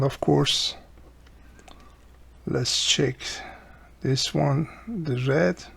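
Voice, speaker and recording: In a casual hands-on tutorial, a man who hosts radio repair videos lays out each step and restates the key points. His gravelly, husky voice is medium-pitched, and the sound carries no echo.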